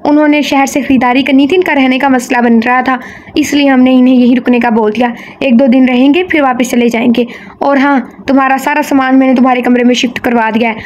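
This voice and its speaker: Brief: woman voicing a firm caring mother, instructing tone, high-set voice. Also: little pitch movement, fast, a little mellow, a little hiss or hum, natural voice.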